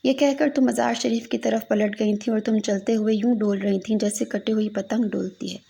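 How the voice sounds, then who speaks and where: A woman's voice: mid-range voice, steady tone, creaky, dark tone, slightly rough. A woman reading a literary story aloud as a mournful lament to a lost daughter.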